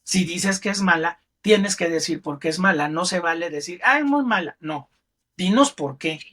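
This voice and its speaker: A man's voice: a little high, normal speed. A middle-aged man with a Mexican accent, a film critic talking as a guest in a podcast interview and telling stories expressively. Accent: Mexican Spanish. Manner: expressive storyteller who acts out quotes in other voices.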